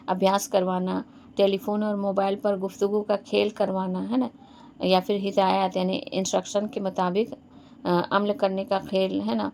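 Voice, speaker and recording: Gravelly-voiced woman teaching exam prep. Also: mid-range voice, a little mellow, a little hiss or hum. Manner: rhetorical questions answered herself, frequent "hai na".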